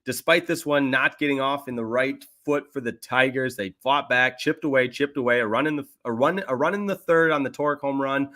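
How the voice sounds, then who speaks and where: A young man runs a solo sports podcast, recapping a weekend of games. His voice is bright and forward. He keeps things animated and pokes fun at himself between quick asides. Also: medium pitch.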